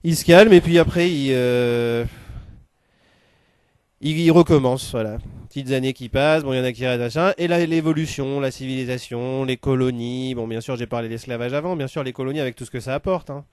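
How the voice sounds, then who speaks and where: A man's voice: medium pitch, fairly quick, a little mellow, clear, resonant tone, no room sound, studio quality. A man telling a story casually as a comedian, rambling loosely with many fillers. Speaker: comedian narrator.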